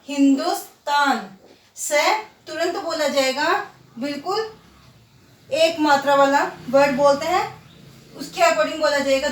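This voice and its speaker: A woman schoolteacher walks young pupils through a lesson, patiently drilling words and answering her own questions. Her voice sits high. She sounds set back from the mic in a roomy, echoing space. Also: far from the mic. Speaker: primary school Hindi teacher. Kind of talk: recorded online class lesson.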